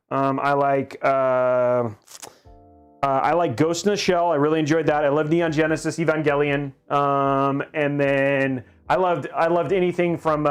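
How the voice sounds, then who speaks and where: A man's voice: fairly high pitch, smooth. A middle-aged man hosting a live stream, chatting casually and rambling, often restarting his sentences as he reads viewer questions. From grew up in Japan. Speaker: livestream host.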